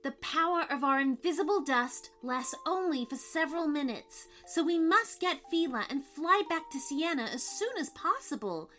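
A woman's voice: sits high, animated, moderate pace, few pauses, sharp tone, faint music behind, voice pushed up. A woman voicing a young fairy queen in a storybook, brave and earnest, speaking in emphatic exclamations. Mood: excited, confident.

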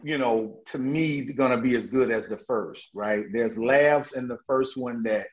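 Man, guest, energetic, laughing, restarts often, casual chat, mid pitch, lo-fi sound. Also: unhurried. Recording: dull lo-fi audio.

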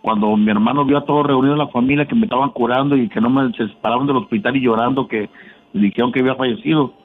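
A man's voice: medium pitch, steady tone, fast. A middle-aged man speaks over a narrow, tinny phone line as a radio caller. He tells his story casually and earnestly, doubling back and repeating words as he goes. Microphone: telephone.

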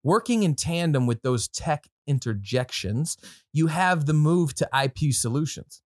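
Hosting a podcast, a man speaks a little slowly in an expressive, higher-pitched voice with a darkish tone, giving casual product commentary full of slangy asides and partly read from notes. The recording is dry and clean, like a studio.

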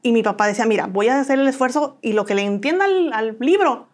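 A woman's voice: a little high, animated, fast talker. A woman with a Mexican accent, a guest in an interview, telling her own story earnestly and acting out the voices of people she quotes.

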